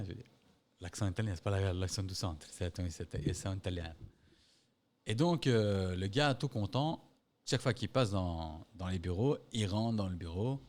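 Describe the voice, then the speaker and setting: A man's voice: deep voice, darkish tone. A man telling anecdotes in a loose, casual chat, swearing freely and imitating other people. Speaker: podcast co-host.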